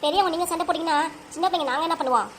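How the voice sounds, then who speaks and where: A woman's voice: very high voice, racing, a bit bright, a little hiss or hum. Woman doing a cheeky cartoon little girl. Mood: whiny. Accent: Tirunelveli Tamil. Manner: whiny, talking back. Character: cheeky little granddaughter, talks back.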